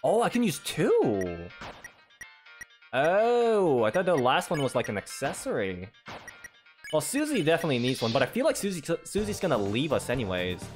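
Animated male gamer with swooping pitch. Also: fairly quick. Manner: reactive, exclamatory. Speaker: gaming let's player. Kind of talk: casual let's play commentary, reading game dialogue aloud. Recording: game music behind voice.

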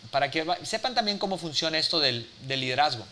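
A man in his forties giving a live mentoring talk, blunt and forceful, swearing freely and checking in with the audience. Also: a little high, lively intonation, fast, slight background noise. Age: 40s. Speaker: business speaker and mentor.

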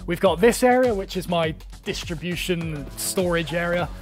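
A young man with a notably high speaking voice leads a tour of his own workshop. He reels off tools and shelves in quick, upbeat lists with plain enthusiasm. Faint music plays underneath him. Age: young adult. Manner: enthusiastic, brisk listing of items. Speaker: woodworking channel host. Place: indoor workshop, small and cluttered.

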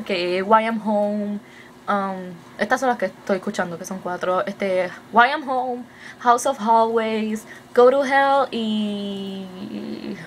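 A woman's voice: a little high, slight background noise. Hyper young Puerto Rican woman vlogging. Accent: Puerto Rican Spanish. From Puerto Rico. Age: young adult. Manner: hyper, rapid, mixes English into Spanish. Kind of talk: casual chat video update.

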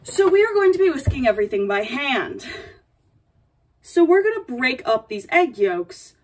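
Woman playing Princess Peach, lively and high, distant mic. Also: moderate pace. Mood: playful, flustered. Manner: playful, dry asides, mock-dainty. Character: playful princess hosting a baking show, sassy and prim. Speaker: baking video host. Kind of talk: comedic in-character cooking tutorial. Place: small home apartment kitchen, indoors. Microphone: camera a few feet away. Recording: distant kitchen camera microphone.

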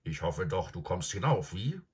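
A man reading aloud and voicing a proud, bossy male talking warhorse with a husky, teasing manner. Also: deep voice, moderate pace, full character voice. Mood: teasing, commanding. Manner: lively, teasing, loud commands.

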